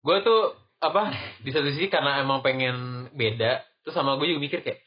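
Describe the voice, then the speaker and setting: A man's voice: medium pitch, a little fast. A young man talking offhandedly in casual chat. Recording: dull lo-fi recording.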